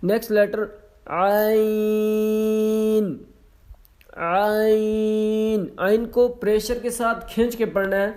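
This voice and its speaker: Male online tutor with a high voice; slow stretched letters, brisk explanations. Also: fairly even intonation, a little mellow. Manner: slow drawn-out letter sounds between quick explanations, mixing in English. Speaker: Quran reading tutor. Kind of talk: online lesson in letter pronunciation.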